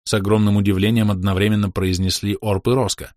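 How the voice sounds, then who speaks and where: Low-voiced man narrating an audiobook. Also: level tone, fast talker, a little mellow, no echo, clean studio sound. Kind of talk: scripted first-person audiobook narration.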